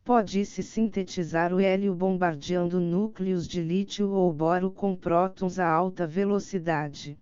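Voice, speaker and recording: A woman narrates formal, encyclopedic text with a measured delivery. Her voice is on the low side and very smooth and crisp. The sound is dry, with a slightly dull, lo-fi finish. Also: steady tone, darkish tone, no echo. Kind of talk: scripted audiobook narration of an encyclopedic article.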